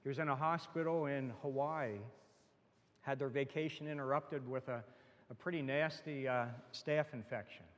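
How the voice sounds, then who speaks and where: A man's voice: mid-range voice, fairly even intonation, normal speed, fairly bright tone. A man preaching a sermon as the congregation's pastor, earnest, with emphatic rising lines and easy asides to the people in front of him. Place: church sanctuary. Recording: long reverb of a church hall.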